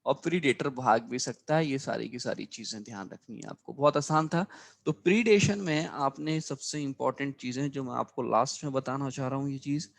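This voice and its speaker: A man teaching a biology lesson for exam preparation, going over his class notes, repeating key terms and asking students if it is clear. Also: mid-range voice. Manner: addresses students as children, frequent reminders to remember.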